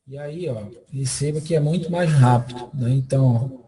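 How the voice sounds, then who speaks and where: A man giving a screen-recorded software lesson, explaining step by step and checking in often with his viewers. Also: mid-range voice, normal speed, slight background noise, low-quality recording. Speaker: software instructor.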